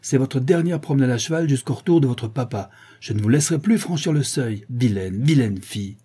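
A man's voice: lowish voice, lively intonation, moderate pace, warm tone, slightly rough. A man reading aloud and voicing a stern middle-aged housekeeper who scolds a runaway girl sharply. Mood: scolding.

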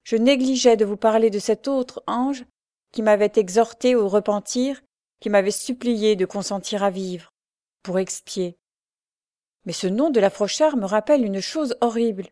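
Brief: earnest repentant young woman prisoner, read by a woman narrator; mellow, dry, audiobook. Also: medium pitch, normal speed, no echo, lightly acted. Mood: fervent. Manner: fervent, pleading.

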